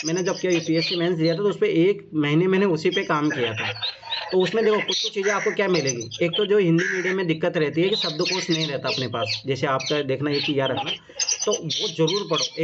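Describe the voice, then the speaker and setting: Male coach, high-ish voice, repeats advice patiently; lo-fi recording with noise. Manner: repeats reminders, casual and encouraging. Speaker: exam coach reviewing answer copies. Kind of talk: informal coaching talk. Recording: muffled lo-fi sound with clear background noise.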